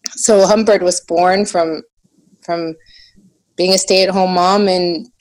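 An American woman with a slight German accent, chatting casually and haltingly in an interview, often restarting her sentences. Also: on the low side, steady tone, low-quality recording. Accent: American with a slight German influence. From United States. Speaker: podcast guest, small shop owner.

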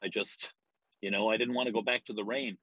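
A middle-aged Irish man talks through his answers loosely, pausing on ums and restarting his sentences. His voice sits a little low and sounds dry and close. The recording is dull and slightly lo-fi. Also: steady tone, a bit bright, slightly rough, no room sound. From Ireland. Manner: rambling, hesitant with frequent ums. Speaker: real estate agent, guest. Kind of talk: casual interview answers.

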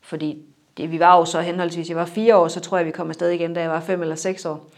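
A young adult woman in a personal interview, reflective and halting, her sentences trailing off softly. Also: fairly low pitch, steady tone.

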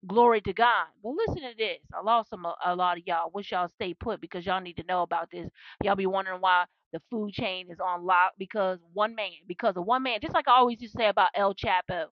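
A woman who calls herself a prophetess preaches in an impassioned monologue, her medium-pitched voice a little fast. She's fervent and repetitive, with call-and-response asides, and the recording has no room sound and cut-off highs.

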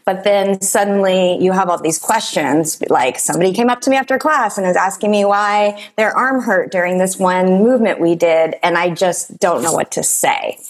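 A woman's voice: medium pitch, normal speed, hardly any pauses. A woman in her forties, a yoga teacher and author, talking casually as an interview guest, with lots of fillers and the odd short laugh. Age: 40s.

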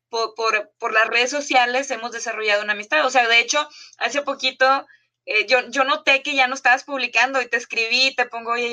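A woman host speaks with a high, bright, sharp voice in casual conversation. She halts often and restarts her sentences with fillers before finishing a thought. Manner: halting, many restarts and fillers.

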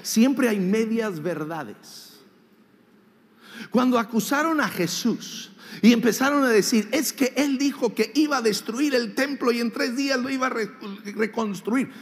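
A man preaching a sermon as pastor, animated and emphatic, sometimes mimicking whiny voices and shouting for emphasis. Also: high-pitched. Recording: long hall reverb.

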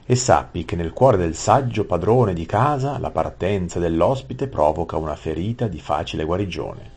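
A man voicing a calm old king who speaks in stately, measured proverbs. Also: low-pitched, slightly rough, full character voice.

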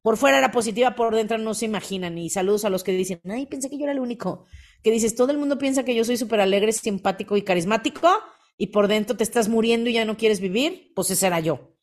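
A woman, hosting a motivational podcast and acting out quoted voices with lively energy. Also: medium pitch, fast talker. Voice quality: animated, acts out quoted voices. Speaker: podcast host.

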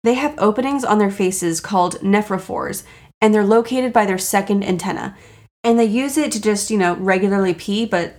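A woman hosting a casual, jokey solo podcast, self-deprecating and sweary, with a raspy voice, audible vocal fry and a sore throat. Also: medium pitch, moderate pace, darkish tone. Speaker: podcast host.

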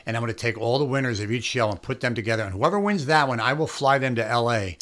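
Middle-aged man from upstate New York; sharp, bright tone; lively raconteur who laughs at himself. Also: mid-range voice, fast. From Capital Region, New York. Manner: animated, self-deprecating, repeats words. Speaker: guest, radio comedian. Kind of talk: conversational storytelling.

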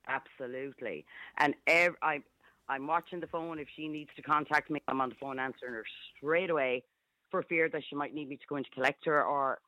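A woman's voice: deep voice, fairly even intonation, brisk, bright, forceful tone, dry recording. Blunt west of Ireland woman on a phone. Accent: west of Ireland, Galway. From Galway, west of Ireland. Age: 50s. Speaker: radio phone-in caller. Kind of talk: casual, opinionated phone-in chat. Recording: dull phone line on radio.

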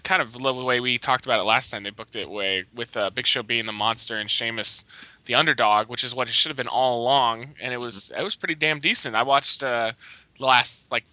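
Opinionated guy cohosting, super bright sharp voice, swears, dry muffled sound. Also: mid-range voice, no room sound. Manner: opinionated, swearing, quick tangents. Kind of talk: casual wrestling chat.

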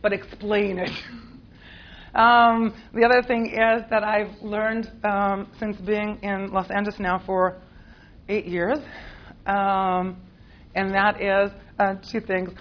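Teaching a live classroom group, this woman, American-accented but raised in Israel, keeps things chatty and playful, laughing often and using many fillers. Her voice is medium-pitched, level, and slow, and the sound is lo-fi.

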